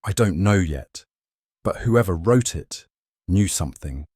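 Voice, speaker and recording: A man voicing a grim, steady small-town male sheriff, speaking in a terse, grave way. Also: sits low, measured pace, breathy edge, no echo, studio quality, full character voice.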